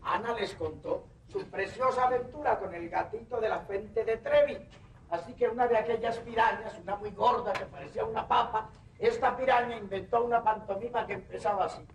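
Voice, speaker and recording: A woman's voice: on the high side, fairly quick, lightly acted. A woman acting as a playful storyteller in an old film, recounting an anecdote to her listeners. Her voice comes from some distance in a roomy, echoing space with faint hiss. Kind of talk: film dialogue.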